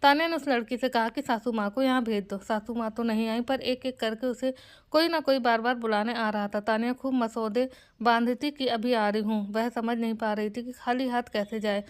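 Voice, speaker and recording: Narrator: woman, fairly high voice, scripted story reading. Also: steady tone, normal speed, clean tone. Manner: reads dialogue of every character in her own voice.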